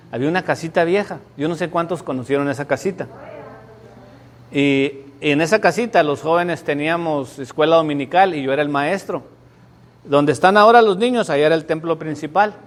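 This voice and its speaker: Pastor, man, middle-aged, high-pitched, dramatic sermon delivery. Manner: emphatic, dramatic storytelling. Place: church sanctuary before a congregation.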